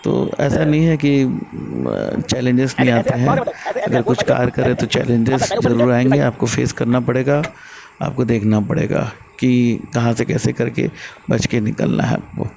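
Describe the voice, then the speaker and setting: A vlogger showing construction work strolls the site and casually explains what the machines are doing. He speaks in a gravelly mid-range voice, relaxed and chatty, over slight background noise.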